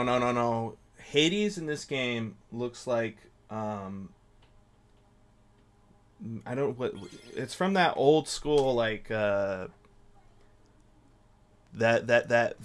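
A man's voice: medium pitch, a bit bright. A man giving casual gameplay commentary as a streamer, muttering slangy reactions. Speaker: game streamer. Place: small indoor room at a desk. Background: game music, keyboard clicks and typing.

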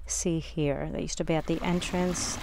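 A woman's voice: low-pitched, fairly even intonation, normal speed, creaky, darkish tone, slight background noise. A woman narrating a casual walking tour as a local guide, recorded outdoors on a handheld device. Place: outdoors in city garden and streets.

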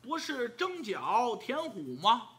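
A man voicing a sly, teasing male scholar in yellow robes who talks in a mocking, knowing way. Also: very high voice, big pitch swings, slow pace, full character voice. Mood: instructive.

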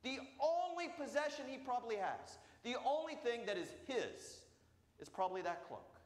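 Booming priest with a high voice. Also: male voice, sing-song, moderate pace. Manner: acts out voices in quoted dialogue. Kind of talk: storytelling sermon. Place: church sanctuary. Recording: roomy church reverb.

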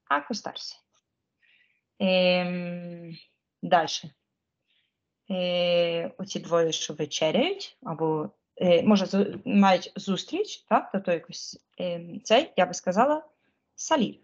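A woman's voice: on the low side, takes it slowly, muffled recording. Chatty woman teaching Spanish online. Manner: chatty, checks in with "так?" often; frets about pressing buttons. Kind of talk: online language lesson.

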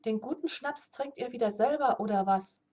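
A woman doing a gruff, wounded woman captain. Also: on the high side, moderate pace, warm tone, natural voice. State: weak, murmuring.

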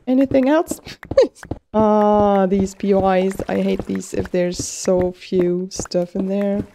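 A woman commentating her own gameplay, excitable, gasping and pleading with the game as she plays. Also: mid-range voice. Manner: excitable, gasps and squeals with delight. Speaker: gaming video creator.

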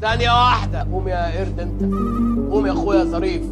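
A man's voice: sits high, rapid-fire, loud music behind the voice, lightly acted. A man with an Egyptian accent acting in a slapstick film comedy, blustering and mock-outraged. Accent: Egyptian Arabic. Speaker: comic film actor.

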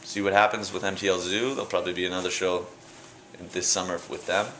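Low-voiced young man in an echoey gallery. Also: quick pace, slight background noise. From Canada. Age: young adult. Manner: relaxed, rambling, with fillers and restarts. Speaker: painter interviewed at his exhibit. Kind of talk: casual interview answers. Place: art gallery indoors. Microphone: handheld camera close by.

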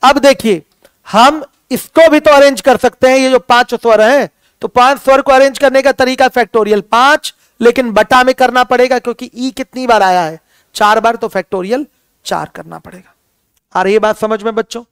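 A male math teacher with a very high, smooth and resonant voice. He keeps calling his students his children and poses questions that he answers right away. The sound is dry and close, with no room echo. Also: moderate pace, fairly bright tone. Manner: calls students "my children", asks questions and answers them himself. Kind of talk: classroom lecture.

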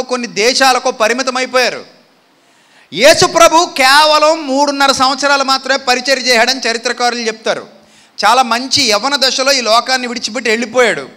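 A man's voice: very high-pitched, sharp tone. A man preaching a sermon from a stage into a handheld mic, firing rhetorical questions at the congregation and building to emphatic declarations. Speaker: pastor. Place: church stage.

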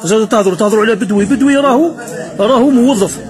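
Fast, mocking Algerian man ranting. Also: sits high, a crowd in the background. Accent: Algerian Arabic. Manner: mocking, sarcastic, addressing opponents directly. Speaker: political commentator. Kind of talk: impassioned political rant.

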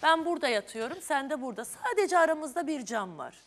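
Woman, talk show host, probing, methodical, high-pitched, studio. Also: very animated, fast talker. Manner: probing, reasoning step by step. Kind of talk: daytime talk show confrontation. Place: television studio.

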